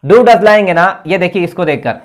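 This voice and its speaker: A man talks through an English grammar lesson, his voice sitting a little high. He explains patiently, repeating key points and checking in often with his students. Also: lively intonation, normal speed. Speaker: English teacher.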